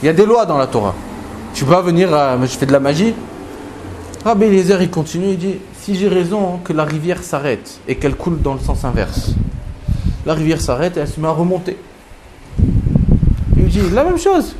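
A man teaching a Talmud story to a small group, his fairly high voice leaping up whenever he acts out a quote. The recording is noisy, with clicks over it. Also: fairly quick, pauses often. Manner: animated storytelling, acting out quotes with big pitch jumps. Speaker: Torah teacher. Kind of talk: lively Talmud story lesson.

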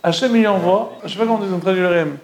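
A man with a high, gravelly voice tells old stories in a loose, spoken way. He stumbles and repeats words, restarts his sentences and turns to ask his listeners if they follow. The telling is casual and unscripted. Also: very fast, darkish tone. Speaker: storyteller. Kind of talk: casual oral retelling of religious tales.

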